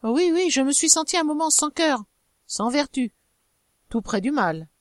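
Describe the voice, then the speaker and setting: A woman reads a young wife defending herself before her jealous husband. She pleads with rising, animated intensity, her voice higher than the narration. The sound is dry and close. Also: measured pace, no room sound. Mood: earnest.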